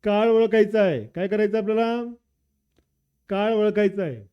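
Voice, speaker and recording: A man's voice: high-pitched, moderate pace, clean tone, dull audio. A man teaching with a Marathi accent, walking through an exam paper and drilling students with repeated questions and answers. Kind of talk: exam paper walkthrough lesson.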